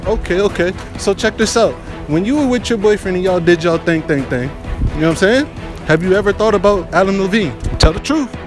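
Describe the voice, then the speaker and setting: A quick, high-voiced man playfully grilling students outdoors on a campus at dusk, talking into a handheld phone. He keeps the banter slangy and teasing, with a music bed playing under him. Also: animated. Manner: playful, teasing, slangy, repeats "all right, bet". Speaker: street interviewer and channel host. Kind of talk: casual street interview. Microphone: handheld phone held out to guests.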